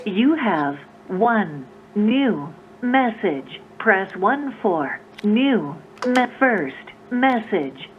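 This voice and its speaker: Slow woman's voicemail prompt over phone. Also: medium pitch, very animated. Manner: measured, evenly spaced prompt delivery. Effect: heard over a landline phone line. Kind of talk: recorded automated announcement. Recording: tinny phone line with faint hiss.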